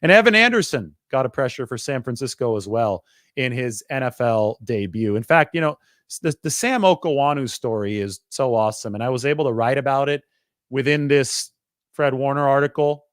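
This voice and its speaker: A man's voice: mid-range voice, lively intonation, fairly bright tone, no room sound, clean studio sound. Man breaking down football stats. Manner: quick, stat-heavy, conversational. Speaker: sports reporter. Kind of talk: sports analysis monologue.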